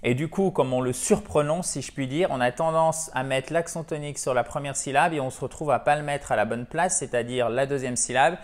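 This is a man with a French accent running an online English lesson. His voice sits at an ordinary middle pitch. He explains in a chatty, easygoing way and slows down to say his English examples clearly. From French-speaking. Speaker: English teacher.

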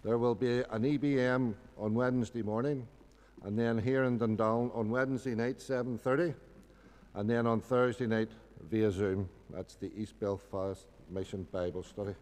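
A man's voice: lowish voice, steady tone, normal speed, darkish tone. A middle-aged man with a Northern Irish accent, giving informal church announcements at a lectern microphone. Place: indoor church hall at a lectern. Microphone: gooseneck lectern microphone. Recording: reverberant church hall.

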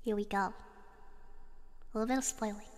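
This time the streamer sounds medium-pitched and steady, talking fairly quickly in what sounds like a large hall. A strong belter, she giggles and chats between karaoke songs and reads the chat out loud.

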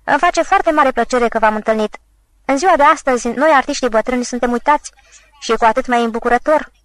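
A woman's voice: a little high, fairly bright tone, dry recording, lightly acted. A woman voicing a drunken, bombastic old male tragic actor who rants and hurls theatrical insults. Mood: fawning.

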